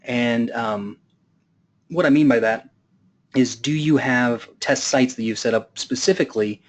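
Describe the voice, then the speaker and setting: A man's voice: medium pitch, unhurried. Casual, joking male speaker. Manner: casual and humorous, with fillers. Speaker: conference speaker. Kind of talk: storytelling presentation.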